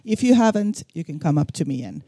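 A woman organizer making announcements at a seminar in a lively, informal way. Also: sits low, a little fast, slightly rough, no room sound.

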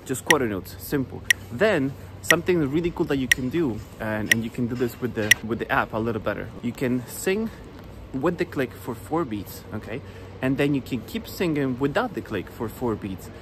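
His voice is mid-range with lively intonation and a moderate pace, set against a noisy background. A saxophone teacher in his thirties, he walks outdoors on a rainy street giving a casual, upbeat, chatty lesson into a phone at arm's length, saying "okay?" often.

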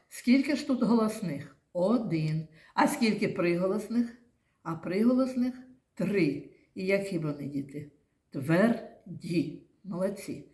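A woman teaching young children, speaking in a slow, patient, coaxing way. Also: on the low side, echoey room. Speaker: primary school teacher. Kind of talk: classroom lesson for young children. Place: classroom.

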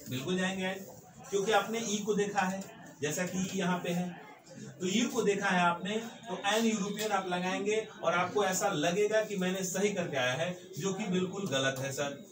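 A man teaching an English grammar lesson, emphatic and repetitive, often adding "sir" as he drives his points home. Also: sits high. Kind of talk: classroom-style grammar lesson. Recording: echoey room, mic far off, background noise.

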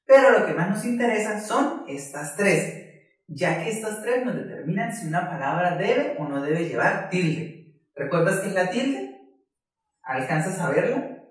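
A primary school teacher in a recorded class for young children speaks at a slow, patient pace. Words are stretched out syllable by syllable. The voice sits at a moderate pitch and rings through a very echoey room, picked up from some distance. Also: sing-song. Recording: very echoey room, voice far from mic.

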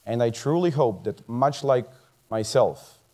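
A man's voice: medium pitch, a little slow. Man, 30s, motivational stage talk, earnest, chuckling, big theater. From Croatia. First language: Croatian. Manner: lively and earnest, chuckles often, restarts words. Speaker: medical student giving a talk. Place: large dark theater stage.

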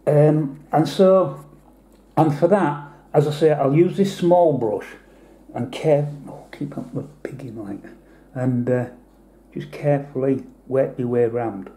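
Guy talking through his model painting, super dark tone, kinda echoey room. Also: medium pitch, slow. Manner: chatty, rambling, explains step by step. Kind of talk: hobby tutorial talk. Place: indoor hobby desk.

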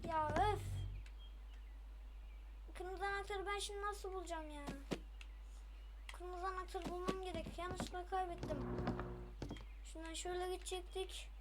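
Very high-pitched gamer girl, shouting. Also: fairly even intonation, measured pace, long pauses, heavy background noise. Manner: loud, shouting at the game character, repeats words. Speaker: gameplay streamer. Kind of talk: excited gameplay commentary. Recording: loud game music behind.

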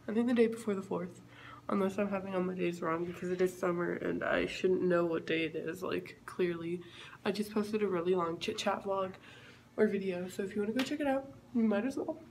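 A woman vlogging casually on a handheld camera, rambling and joking at herself as she walks through public places. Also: mid-range voice. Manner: rambling, jokey, self-mocking. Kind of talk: casual vlog chat. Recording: busy crowd and street noise.

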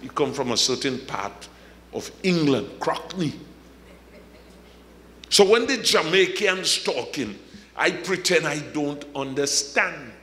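A man preaching a sermon as a pastor, from the Caribbean, swinging from shouted high points to humorous asides. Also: expressive, slow, long pauses, echoey room, big-room sound, slight background noise.

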